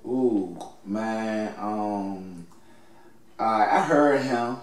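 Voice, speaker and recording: Deep dc accent guy, slangy interview chat, super echoey, kinda far from the mic. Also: drawn-out words. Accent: Washington DC area. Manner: slangy, with "you know what I'm saying" as a constant verbal tic. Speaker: interviewed rapper. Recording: echoey room, distant mic, faint noise.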